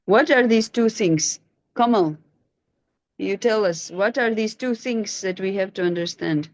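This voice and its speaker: A woman leads an online scripture class, patiently prompting her students with questions. Her mid-range voice moves at a measured pace with no echo, captured as dull, lo-fi video call audio.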